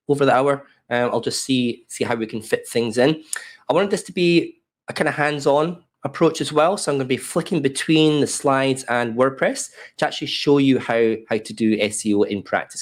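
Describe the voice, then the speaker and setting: A man in his fifties with an Australian accent presents a live online workshop over a webcam call, seated in a desk chair in his home office. A cold leaves his mid-range voice a little croaky, and he talks in a loose, welcoming way with lots of fillers.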